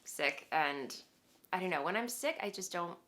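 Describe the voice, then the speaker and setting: A woman's voice: lowish voice, animated, moderate pace, a bit bright. Woman, knitting vlog host, congested and nasal from a cold, loose rambling chat. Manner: chatty and rambling, with fillers and laughs. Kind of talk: casual chat to camera.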